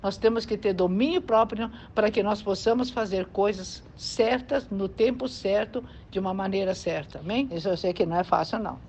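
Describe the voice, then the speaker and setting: A woman's voice: medium pitch, normal speed, hardly any pauses, a little mellow. A Brazilian woman preaching to a congregation in a conversational way, often asking her listeners whether they agree. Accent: Brazilian Portuguese. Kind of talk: sermon teaching. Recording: dull lo-fi sound with faint background noise.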